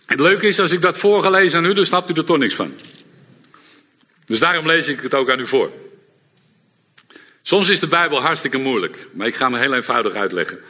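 A middle-aged man preaching a sermon to a congregation, lively and direct, often checking in with the audience. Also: on the high side, a little fast, long pauses. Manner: lively, engages audience with repeated "ja?". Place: church hall before a congregation. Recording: long hall reverb.

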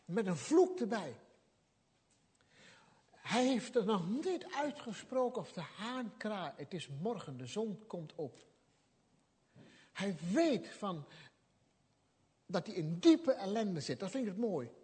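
A man's voice: high-pitched, very animated, slow pace, pauses often, a little mellow, husky. A man preaching a sermon, telling the story with animation and acting out what people said.

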